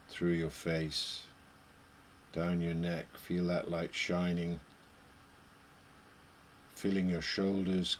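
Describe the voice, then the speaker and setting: In a low-pitched voice, a man guides a meditation, offering short phrases separated by long pauses. A faint hiss or hum runs underneath.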